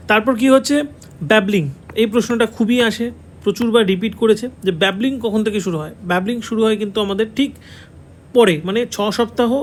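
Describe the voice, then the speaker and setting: A man with a Bengali accent teaches an online exam-prep lesson in a high voice, going over each answer more than once and checking in with his students. Faint noise sits under the recording. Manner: repeats key answers, checks in with "ঠিক আছে". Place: classroom with a board.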